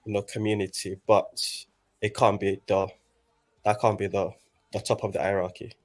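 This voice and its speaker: A man's voice: lowish voice, level tone. A man in his twenties from Nigeria, talking in a casual group chat and often restarting his sentences as he thinks aloud. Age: 20s. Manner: halting, with many restarts.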